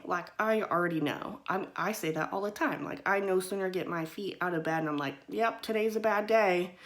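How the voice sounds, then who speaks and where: A woman with a slightly low voice talks through a mindfulness lesson in a loose, conversational way. She keeps checking in with her listeners as she goes and fills her sentences with easy, chatty phrases. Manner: conversational, often checks in with "right?" and "okay?"; loose and chatty, with frequent "kind of" and "you know". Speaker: host of a mindfulness talk. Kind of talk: casual teaching talk.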